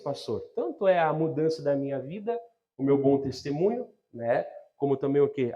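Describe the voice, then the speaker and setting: Brazilian pastor preaching with loud swells. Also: male voice, mid-range voice, dull audio. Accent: Brazilian Portuguese. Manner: conversational preaching, frequent tag questions, swells to loud emphatic readings. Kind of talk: sermon.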